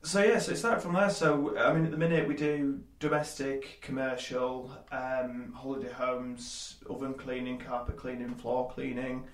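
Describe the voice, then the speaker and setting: A man's voice: medium pitch, little pitch movement, normal speed, few pauses, echoey room. A man in his twenties with a Yorkshire accent, a guest in a casual interview, rambling with many fillers and restarts. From Leeds, England. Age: 20s. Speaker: guest, small business owner.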